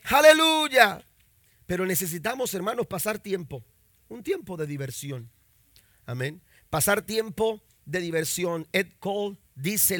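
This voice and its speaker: A man's voice: a little high, dry recording. A man preaching a sermon as pastor, telling family stories with many fillers and then reading scripture with rising fervor.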